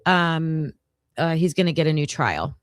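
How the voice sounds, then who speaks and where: A woman hosting a casual livestream case discussion, talking in a halting way with many fillers and frequent laughs. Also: low-pitched, expressive, no room sound, clean studio sound. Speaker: livestream host.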